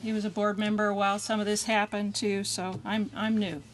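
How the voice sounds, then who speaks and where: A woman's voice: medium pitch, little pitch movement, brisk. A woman introducing guests at an outdoor dedication ceremony, speaking casually with fillers. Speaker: board member emceeing a dedication ceremony. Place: outdoor county park. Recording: noisy outdoor recording.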